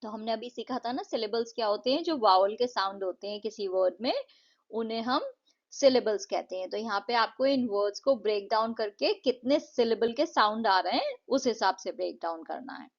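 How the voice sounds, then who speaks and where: A woman teacher with an Indian accent explains an English lesson, her voice sitting a little high. She reads the English sentences slowly and deliberately before explaining them faster. The recording sounds dull and lo-fi. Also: lively intonation. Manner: slow, deliberate English reading, quicker explanations.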